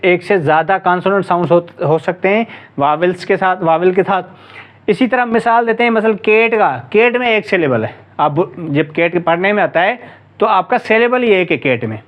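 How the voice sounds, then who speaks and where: A man's voice: high-pitched, lo-fi sound. A man teaching English grammar, repeating points and answering his own questions as he explains. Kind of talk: grammar lesson explaining English in Urdu-Hindi.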